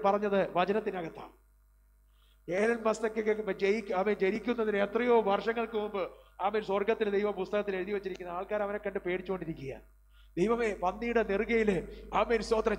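A middle-aged male preacher delivering a sermon, filling his speech with amens and words of praise. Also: high-pitched. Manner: preaching with frequent amen and praise interjections. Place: community hall. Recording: hall reverb, faint hum.

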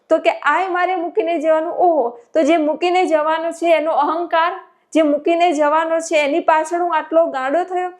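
A woman's voice: high voice, voice pushed up, natural voice. A woman voicing a rich merchant pleading. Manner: pleading, lamenting lists. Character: wealthy male merchant, remorseful and pleading.

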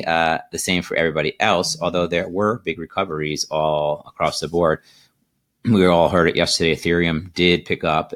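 A middle-aged man with a very low voice hosts an easygoing video from his desk. He rambles loosely, pausing often on "uh" and "um." The sound comes through a plain computer microphone. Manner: relaxed, rambling, filler-heavy. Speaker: crypto video host. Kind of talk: casual market commentary. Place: indoors at a desk.

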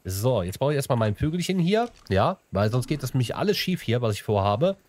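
A man's voice: mid-range voice, big pitch swings, brisk, darkish tone. A man narrating his own gameplay in a casual, chatty way, talking to the animals and to his viewers with playful sing-song bits. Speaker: let's play host.

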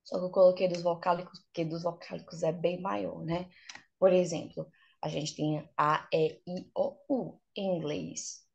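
Speaking at a measured pace in a lowish voice with vocal fry and a breathy edge, a young Brazilian-accented woman gives an informal English lesson by video call. Lively and animated, she poses rhetorical questions and acts out examples; the lo-fi sound comes from a close laptop in a small, plain indoor room.

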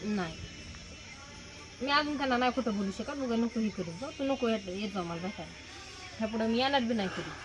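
A woman plays a young wife pleading. Her voice is high and leaps widely between soft coaxing and cries. Clear outdoor noise with insects runs under the scene. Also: animated, fairly quick, long pauses, natural voice. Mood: hushed. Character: young wife caught with old lover, pleading.

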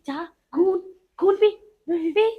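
Vengeful female ghost played by a woman, high, hissing taunts that break into wailing. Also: a little slow, phone-quality sound. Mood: menacing. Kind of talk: Punjabi short film acting.

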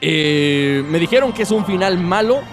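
A man's voice: high voice, lively intonation, moderate pace, soft background music. A man giving playful, joking commentary over his gameplay. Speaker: gaming YouTuber.

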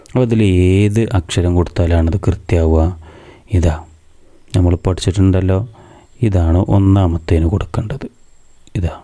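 A man with a Malayali accent gives a patient reading lesson to small children, spelling out each syllable and then blending it into a word. His voice sits low, with a very dark, mellow tone. He keeps asking simple questions and then answers them himself. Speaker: madrasa teacher.

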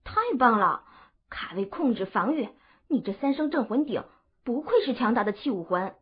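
Teen girl, giggly and sweet, man in falsetto, audiobook, breathy, lo-fi. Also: animated, normal speed, heavily acted. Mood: admiring. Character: cheerful teenage girl fighter, playful. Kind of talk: audiobook character voice.

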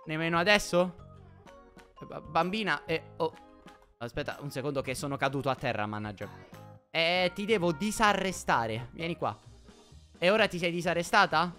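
Animated, lively young man playing a game. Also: fairly high pitch, moderate pace, long pauses. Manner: animated, exclaiming, often stammering and repeating. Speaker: gaming channel host. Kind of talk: playful gameplay commentary. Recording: faint background music.

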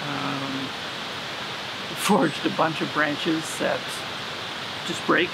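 Gravelly man vlogging outdoors. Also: fairly high pitch, very slow. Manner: relaxed, rambling with fillers. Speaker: hiking vlogger. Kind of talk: casual outdoor vlog narration. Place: snowy forest outdoors. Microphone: camera on tripod at a distance. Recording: loud outdoor hiss from a stream.

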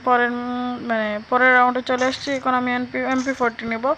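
Excitable Sylheti woman gaming commentator. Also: on the high side, fairly quick, a little hiss or hum, poor audio. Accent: Sylheti Bengali. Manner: chatty, excitable, addresses viewers, frequent exclamations. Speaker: gaming YouTuber. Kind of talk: mobile game commentary.

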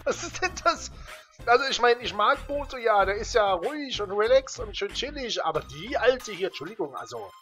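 A man's voice: high-pitched, animated, normal speed, a bit bright, soft background music. A man casually commenting while playing a game, laid-back and amused, chatty with lots of fillers. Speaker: let's play host.

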